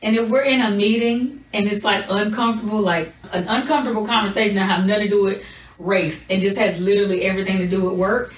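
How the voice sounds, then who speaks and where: A woman co-hosting a podcast in casual chat, speaking slowly and deliberately as she gathers her thoughts. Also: mid-range voice, steady tone, reverberant, recorded from a distance, poor audio. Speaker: podcast co-host.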